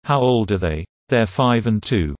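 A man reading short translated phrases for a language lesson in a measured, clear way. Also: lowish voice, animated, no room sound. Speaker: phrase reader.

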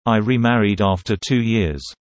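A man reading short translated phrases for a language lesson in a measured, clear way. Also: on the low side, no echo. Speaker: phrase reader.

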